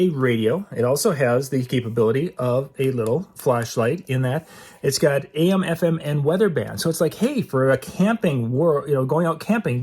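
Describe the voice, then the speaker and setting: With a fairly high, darkish, husky voice, a man reviews outdoor gear on his channel through a casual, unscripted demo. His conversational, folksy style leans on repetition for emphasis, and he's recording inside a metal building.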